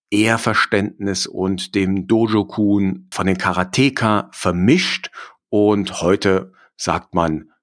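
A German man with a very low, deep voice hosts a solo podcast from his study at home. He talks in a reflective, personal way and often pauses on filler sounds as he thinks. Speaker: podcast host.

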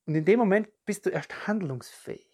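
With a mid-range voice and a slightly fast pace, this calm self-help podcast coach addresses the listener reflectively. They search for words and repeat phrases, and the audio comes from podcast and video recording equipment.

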